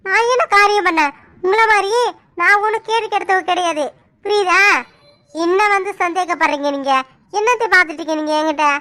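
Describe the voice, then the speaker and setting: A woman's voice: very high voice, fairly quick, sharp tone. A woman voicing a suspicious young village wife in a cartoon, accusing and insistent. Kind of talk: cartoon voice acting.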